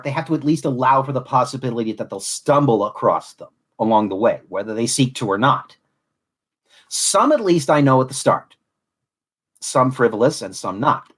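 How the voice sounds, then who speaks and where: A man from Southwest Florida hosting a podcast in a reflective monologue, with a mid-Atlantic accent that slides toward Southern and elaborate, formal phrasing. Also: medium pitch. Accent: mid-Atlantic, shifting toward Southern. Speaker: podcast host.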